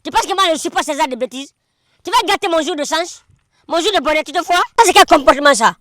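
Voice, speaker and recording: A man's voice: very high voice, lively intonation, fast, sharp tone, dry recording, studio quality, heavily acted. A man playing a boastful boyfriend who promises to fix things and then scolds a village woman, in a comedy film. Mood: scolding. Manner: brash, scolding. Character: boastful fixer boyfriend calling himself the solution.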